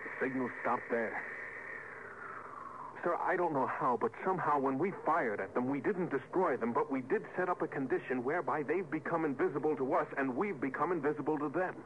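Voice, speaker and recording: A man's voice: fairly high pitch, a little fast, natural voice. An actor playing an earnest, deferential starship officer who reasons with his superior in a vintage radio drama. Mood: hushed, puzzled. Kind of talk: mid-century radio drama acting. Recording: muffled, hissy vintage radio recording.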